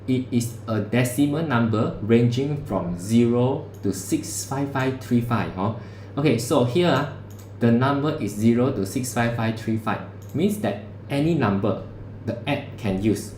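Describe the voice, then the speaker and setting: Speaking a little slowly, a male lecturer with a medium-pitched, slightly mellow, expressive voice teaches a class on a livestream. He keeps it casual and chatty with local particles. The streaming mic records an echoey room with a faint background hum.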